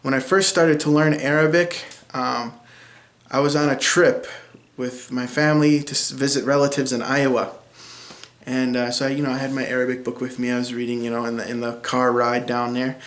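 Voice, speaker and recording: A man's voice: medium pitch, level tone, moderate pace, a bit bright. Chatty Minnesotan man in an echoey room. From central Minnesota. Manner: chatty, frequent ums, laughs at own remarks. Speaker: linguistics video host. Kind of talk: casual educational talk.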